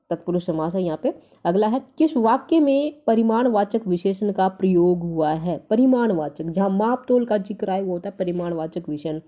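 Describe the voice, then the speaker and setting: A woman's voice: fairly low pitch, lo-fi sound. A woman teacher going through exam answers, reading each option aloud and then saying whether it is right or wrong. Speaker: Hindi teacher. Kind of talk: exam answer-key walkthrough.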